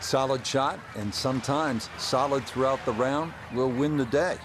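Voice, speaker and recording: A man giving measured, polished golf commentary as the lead announcer of a televised tournament in a video game. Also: medium pitch, noisy background, natural voice. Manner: measured, polished broadcast delivery.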